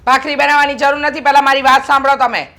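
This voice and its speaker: A woman's voice: fairly high pitch, moderate pace, a bit bright, natural voice. An actress playing a stern, domineering middle-aged mother-in-law in a family drama, talking in a scolding, commanding way. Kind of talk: acted family drama dialogue.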